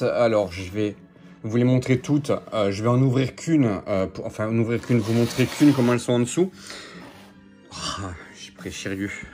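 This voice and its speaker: With a medium-pitched, darkish voice, a man casually shows his figure collection to the camera. It's a chatty, rambling unboxing talk packed with fillers and repeats.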